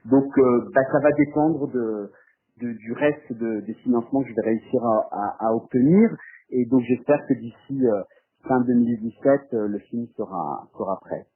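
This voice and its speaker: Interviewed about his work, a French documentary filmmaker speaks spontaneously at a moderate pace, his mid-range voice slightly breathy. He's hesitant, frequently doubling back on words to find his phrasing, and the sound is muffled and narrow like a phone call.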